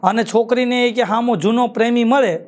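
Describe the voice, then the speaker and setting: A man's voice: extremely high pitch, normal speed, a little mellow. A man telling jokes on a live stage show with a Kathiyawadi Gujarati accent, spinning stories with repeated punchlines. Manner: storytelling with repeated punchlines, chuckles at his own jokes. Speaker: stand-up comedian.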